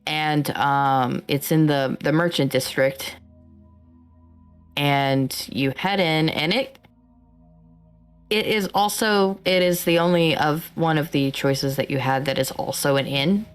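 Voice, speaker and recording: A woman running a tabletop game, narrating off the cuff and haltingly as she searches for words. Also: low-pitched, clean tone, faint music behind. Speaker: game master.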